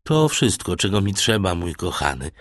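A man voicing a calm, self-assured shipwrecked sailor in an audiobook. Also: low voice, moderate pace, dry recording, clean studio sound.

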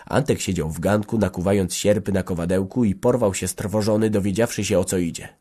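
Low-voiced male audiobook narrator. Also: fairly quick. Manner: steady storytelling reading. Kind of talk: scripted narration.

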